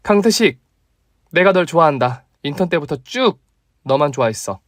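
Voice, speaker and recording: A man's voice: fairly high pitch, animated, moderate pace, no echo, studio quality, pitched above the performer's own voice, close to an everyday voice. A man voicing a bold, blunt young woman doctor who teases and pushes in a radio story. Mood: bold teasing. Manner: teasing, pushy.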